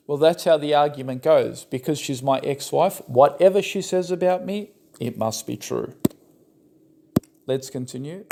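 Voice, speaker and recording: A man's voice: a little high, normal speed, gravelly, noisy background. A young man from the West with a Turkish background, giving argumentative, sarcastic rebuttal commentary. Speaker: religious commentator.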